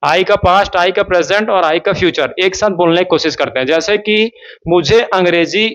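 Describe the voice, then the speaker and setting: A man teaching a spoken English lesson in Hindi, drawing out his English example sentences slowly. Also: sits high, fairly bright tone. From India. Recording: dull lo-fi sound.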